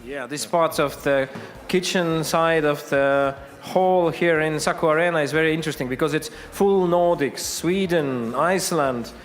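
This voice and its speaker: A man's voice: on the high side, normal speed, hardly any pauses. A man hosting a live on-site interview, asking playful, joking questions. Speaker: event host and interviewer. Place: large competition hall. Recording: reverberant arena hall.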